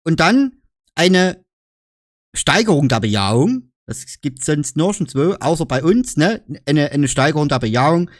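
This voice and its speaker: A man's voice: on the high side, big pitch swings, unhurried, no room sound, studio quality. A man with a Saxon German accent chatting casually in a vlog, joking around and explaining dialect words with frequent "ne?" tags. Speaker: YouTuber.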